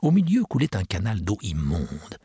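Man reading a storybook with gravelly warmth. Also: deep voice, moderate pace, no echo, clean studio sound. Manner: expressive, lively storytelling. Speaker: narrator.

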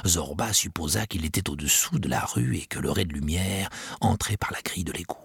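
A man reading a children's storybook aloud with expressive, lively storytelling. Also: deep voice, fairly quick, creaky, husky, no room sound. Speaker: narrator.

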